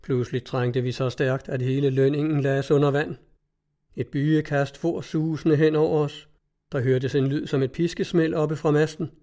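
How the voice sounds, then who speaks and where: A man reading a classic sea novel aloud in an even, measured storytelling manner. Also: on the high side. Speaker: audiobook narrator.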